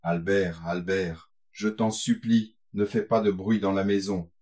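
A man's voice: deep voice, steady tone, a little slow, a little mellow. Storybook role: ashamed young woman begging her lover, plaintive, voiced by a male reader. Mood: pleading. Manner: imploring, plaintive.

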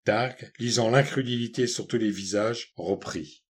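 A man narrating a novel aloud in a measured, literary reading style. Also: on the low side, breathy edge. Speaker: audiobook narrator.

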